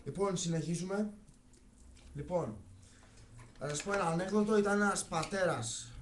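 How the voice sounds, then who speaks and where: A young man telling crude jokes in a rambling, swearing way, with many restarts. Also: sits high. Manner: rambling, swears often, repeats "well". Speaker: joke teller. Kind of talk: casual joke telling. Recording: echoey room, faint noise.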